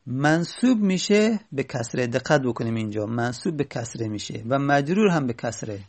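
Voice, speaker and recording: A man gives a grammar lesson in a gravelly voice with a middling pitch. He talks patiently, going over each rule more than once and leaning on the important words. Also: animated, a little mellow. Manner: patient, repeats key points with stress. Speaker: teacher.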